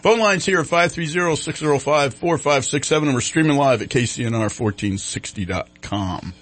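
A man's voice: a little high, a little fast, a bit bright. A man hosting a radio talk show with casual, folksy live chat from a studio.

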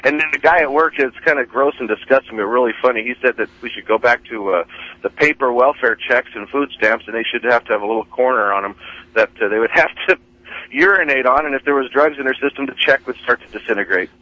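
A man's voice: medium pitch, quick pace, sharp tone. A man calling in to a talk radio show over the phone, folksy and rambling. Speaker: caller. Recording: dull phone line.

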